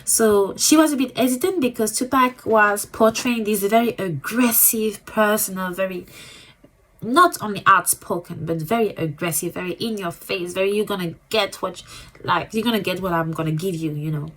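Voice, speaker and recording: A booktuber with a French accent gives a casual, rambling book review, repeating words and filling pauses with ums. Her voice is medium-pitched and fairly bright, though the audio is poor.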